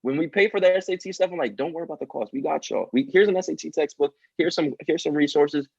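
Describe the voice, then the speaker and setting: A twenty-year-old student who founded a nonprofit speaks earnestly and from the heart as a guest in a casual conversational podcast interview, often adding "you know" and "um." His slightly high voice is fast, creaky, husky, and a little mellow. The recording is dry, with a dull lo-fi sound.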